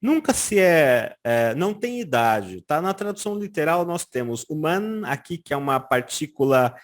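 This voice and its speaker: A Brazilian man teaching German in a casual lesson, often checking in with "tá?" and saying German examples slowly and carefully. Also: a little high. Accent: Brazilian Portuguese. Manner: lively, frequent "tá?" check-ins, slow careful German examples. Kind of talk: casual explanatory language lesson.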